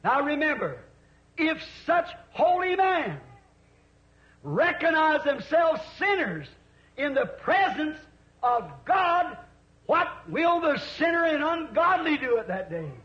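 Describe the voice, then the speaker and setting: A man's voice: extremely high pitch, very animated, takes it slowly. A man preaching fervently, rising at times to cries, on an old sermon recording. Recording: echoey dull archive tape.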